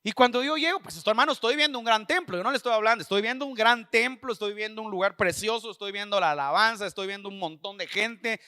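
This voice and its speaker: A man delivers a sermon in a strikingly high, bright voice. He preaches with fervor, repeating phrases and speaking straight to his listeners. The recording is dry and close, with almost no room sound. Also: quick pace, few pauses, smooth, dry recording. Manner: impassioned, repetitive preaching with direct address. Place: church service.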